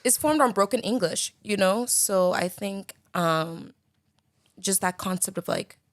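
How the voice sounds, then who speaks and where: A woman's voice: mid-range voice, unhurried, dry recording, clean studio sound. A woman from the Bahamas with a Bahamian accent, a podcast guest talking in a casual, reflective way and leaning on lots of "like.". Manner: reflective, filler-heavy speech full of "like". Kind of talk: casual conversation. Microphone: studio mic with headphones.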